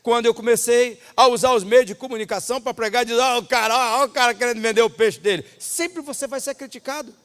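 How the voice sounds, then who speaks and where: A male Brazilian pastor preaching with emphasis, switching between loud declarations and hushed asides. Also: very high voice, fairly even intonation, quick pace, hardly any pauses. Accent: Brazilian Portuguese. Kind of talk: sermon. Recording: long reverb of a large hall.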